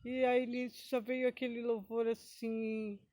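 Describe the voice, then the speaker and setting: A woman's voice: a little high, moderate pace, a little mellow, dry recording, studio quality. A woman giving an emotional personal testimony, rambling, often adding tag questions and breaking into short praise exclamations.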